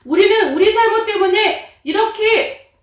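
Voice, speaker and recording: A woman puts on an earnest, repentant robber from a children's Bible story, rebuking another in a solemn raised voice. He sounds well above a man's usual pitch. The recording is echoey and picked up from a distance. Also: measured pace, fairly bright tone. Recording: echoey room from far off.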